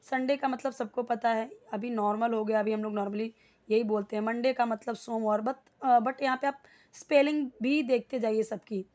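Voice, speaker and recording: A woman teaching spoken English in Hindi, explaining grammar step by step and repeating words slowly for learners to copy. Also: fairly high pitch, steady tone, darkish tone. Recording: dull lo-fi recording.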